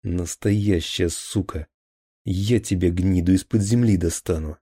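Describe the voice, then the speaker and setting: A man's voice: low-pitched, dark tone, husky, dry recording, heavily acted. A man reading a roaring enraged police captain. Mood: bitter fury. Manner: roaring, slow and threatening. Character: enraged male police captain, grieving and violent.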